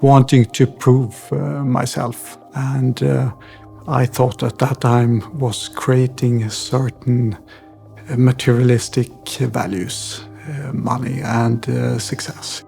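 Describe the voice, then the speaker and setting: A middle-aged man from Sweden with a Swedish accent, a podcast guest telling his life story in a halting way with many pauses and fillers. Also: mid-range voice, flat delivery, vocal fry, warm tone, faint music behind. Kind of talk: personal interview.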